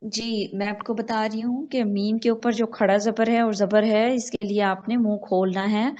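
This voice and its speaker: A woman leads an online tajweed lesson, explaining pronunciation patiently and repeating phrases slowly. Her voice sits mid-range for a woman. The call audio is slightly muffled. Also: medium pitch, little pitch movement, a little mellow. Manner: patient, instructive, models recitation slowly. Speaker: Quran recitation teacher.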